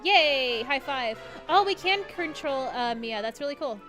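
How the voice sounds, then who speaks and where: A woman's voice: high-pitched, expressive, unhurried. A woman streaming a game live, chatting bubbly and giggly, reading out viewer comments and humming along. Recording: game music playing behind.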